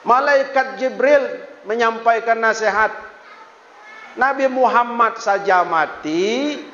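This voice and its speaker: A man's voice: very high voice, slow, pushed and bright, slight background noise. A man preaching a humorous village sermon, teasing the audience and slipping into sing-song rhymes. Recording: echoey hall, dull lo-fi sound.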